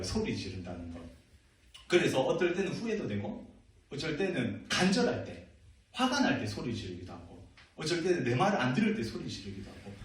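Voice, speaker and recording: A middle-aged man preaching to teenagers as senior pastor, playful and full of questions and laughs. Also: medium pitch. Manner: playful, asks the youth questions, laughs often. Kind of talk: youth sermon. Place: church hall. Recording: echoey room, from a distant mic.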